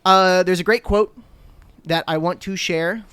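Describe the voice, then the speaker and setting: High-pitched, smooth, and a bit bright, this man speaks a little slowly with fairly even intonation and no echo. He's a podcast co-host in his thirties from New Jersey, USA, chatting casually with enthusiasm, rambling and filling pauses often.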